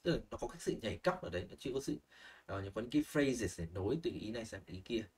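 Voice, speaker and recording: A young man teaching an online speaking class, giving students animated feedback and checking in with the class often. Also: on the low side, rapid-fire, husky, distant mic. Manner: animated, models phrases, checks in with "ok?" and "chưa?". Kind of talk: online lesson feedback, mixing Vietnamese and English.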